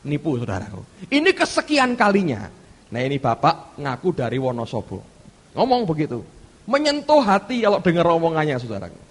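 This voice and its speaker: A male pastor preaching a sermon, telling a story with animated delivery and often addressing the congregation directly. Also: on the high side, fairly quick. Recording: echoey church hall.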